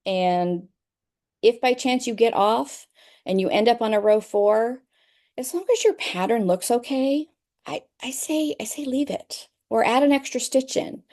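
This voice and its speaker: Mellow-voiced woman teaching crochet. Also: a little high, measured pace. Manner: chatty, repeats herself and checks in with "okay?". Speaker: crochet instructor. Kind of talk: casual tutorial explanation.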